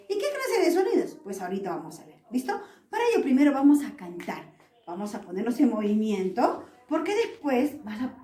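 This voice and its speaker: Animated woman teaching small children. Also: fairly high pitch, reverberant. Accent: Peruvian Spanish. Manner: animated and playful, acts out sneezes and yawns. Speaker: preschool teacher. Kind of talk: lively lesson for young children.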